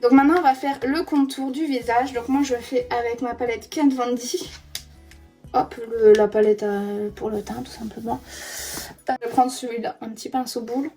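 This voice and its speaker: Woman, twenties, beauty vlogger, casual makeup tutorial, chatty, slightly high pitch, faint background music. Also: steady tone, moderate pace, warm tone. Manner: chatty, says "hop" while applying makeup. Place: indoors doing makeup on a friend.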